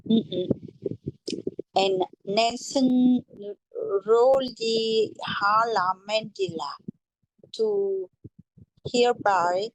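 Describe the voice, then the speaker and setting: Very slow, hesitant woman learning English. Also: fairly high pitch, slight background noise, low-quality recording. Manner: hesitant, repeating words, groping for phrases. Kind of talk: practicing English aloud in a lesson.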